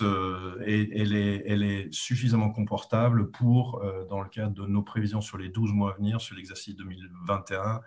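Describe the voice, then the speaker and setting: Male CFO type, deeper voice, formal results briefing, steady with hesitations. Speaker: company finance officer presenting results. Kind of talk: financial results presentation.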